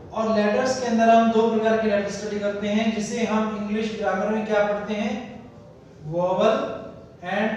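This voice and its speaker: A male teacher giving a classroom lecture, drawing out and repeating key words and asking rhetorical questions. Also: sits high. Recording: echoey hall, distant mic, faint noise.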